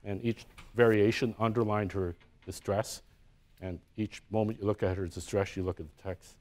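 With a lowish, darkish voice, level tone, and normal speed, a man lectures live in a university room about artworks he created. He speaks conversationally, thinks aloud with frequent restarts, and often says "right?" to check in.

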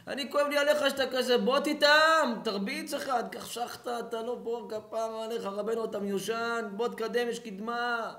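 A man's voice: very high-pitched, steady tone, hardly any pauses, bright, forceful tone, roomy sound, voice pushed up, exaggerated voice. A man doing a cocky stoned young slacker. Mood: mocking.

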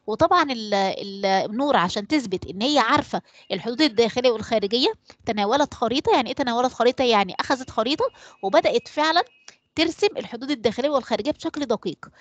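Rapid-fire Egyptian woman teacher. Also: fairly high pitch, dry recording. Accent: Egyptian Arabic. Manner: quizzing pupils by name, leaving blanks for them to fill. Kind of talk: online class quiz and explanation.

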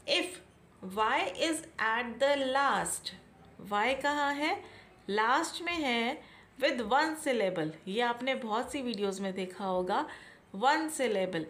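Indian woman teacher, high voice, slow patient delivery, Hindi speaker explaining English rules. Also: a bit bright. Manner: slow, patient, repeats key points and asks questions back. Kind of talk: classroom-style explanation.

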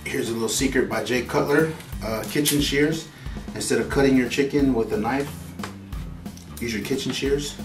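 A man with a middle-pitched voice talks viewers through a cooking tutorial in a home kitchen, relaxed and chatty. He sounds a bit off from the mic, and music plays clearly behind him. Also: moderate pace, recorded from a distance. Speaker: cooking vlogger.

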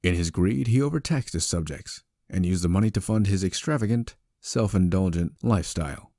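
A male narrator tells a story with a wry, conversational delivery. His voice is deep and mellow, and it is recorded close and dry. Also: a little fast, no room sound. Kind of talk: scripted audiobook narration.

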